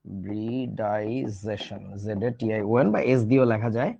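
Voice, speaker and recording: A man's voice: medium pitch, expressive, racing, creaky, warm tone, lo-fi sound. A man with a Bangladeshi Bengali accent teaching a casual online chemistry class, chatty and teasing, playfully scolding his students.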